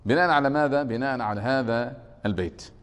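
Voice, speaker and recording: A man's voice: medium pitch, quick pace, a bit bright, smooth, long reverb tail. A man from Egypt with an Egyptian accent, a sheikh teaching Arabic grammar to a class and often stopping to ask whether they follow. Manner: checks the class often with rhetorical questions.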